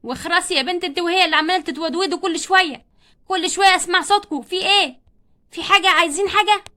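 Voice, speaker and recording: A woman with an Egyptian Arabic accent voicing a strict female schoolteacher who scolds the class loudly and bossily. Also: high voice, very fast. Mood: scolding. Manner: loud, scolding, bossy.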